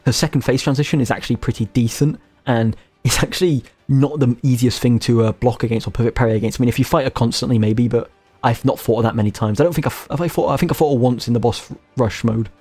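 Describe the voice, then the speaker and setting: A man's voice: mid-range voice, steady tone, quick pace, warm tone, slightly rough, faint music behind. A man giving casual, rambling commentary over gameplay, joking as he goes and often restarting his sentences. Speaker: gaming video creator.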